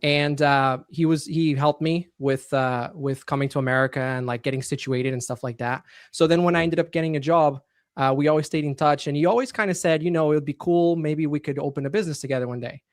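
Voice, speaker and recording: A man from Portugal with Portuguese as his first language, a podcast guest explaining his story in a relaxed, steady way. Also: on the high side, fairly quick, dry recording, clean studio sound. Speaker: guest entrepreneur. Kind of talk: casual interview chat.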